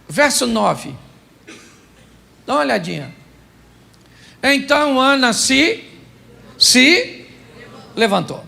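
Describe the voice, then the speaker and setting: Animated gravelly-voiced preacher, high and bright. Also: male voice. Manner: animated preaching with rhetorical questions and comic asides. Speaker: pastor. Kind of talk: humorous sermon.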